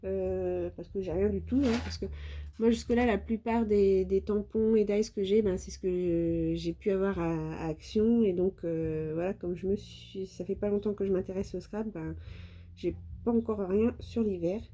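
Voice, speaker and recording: A French woman shows off her craft purchases in a casual, hesitant way, often pausing on fillers and stumbling over words. Her voice is very warm and mellow. A faint hiss sits underneath. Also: medium pitch, fairly even intonation. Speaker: craft vlogger. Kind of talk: casual show-and-tell haul.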